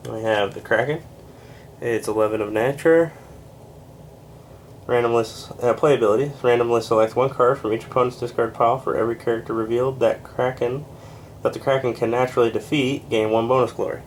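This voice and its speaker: A man's voice: mid-range voice, fairly even intonation. Man, stuffy nose, short of breath, reading game cards aloud, casual asides, faint background hiss. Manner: plain, unhurried card-by-card reading with fillers. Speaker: board game reviewer. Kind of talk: reading out card text with casual comments.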